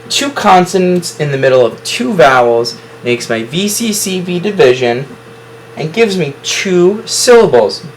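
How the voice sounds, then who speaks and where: Lively encouraging male teacher. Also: fairly high pitch, a little hiss or hum, poor audio. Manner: encouraging, praises students often. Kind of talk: classroom phonics lesson. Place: classroom.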